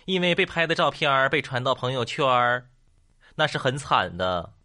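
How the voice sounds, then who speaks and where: A man who hosts a comedy show. He reads jokes aloud as a lively storyteller and acts out the lines of his characters. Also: mid-range voice, moderate pace. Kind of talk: joke reading.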